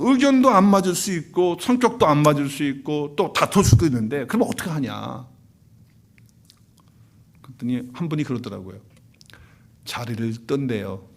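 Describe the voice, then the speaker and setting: A male pastor preaches an animated Sunday sermon in a church sanctuary. His voice sits a little higher than most men's, and he keeps asking the congregation questions and acting out the quoted couples. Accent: Korean.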